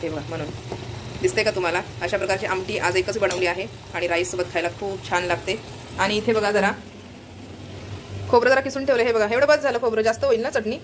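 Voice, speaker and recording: Holding her phone as she cooks at home, a woman who vlogs about her family talks casually to her audience and keeps drawing attention to things. Her voice is mid-range, and a faint hiss or hum runs underneath.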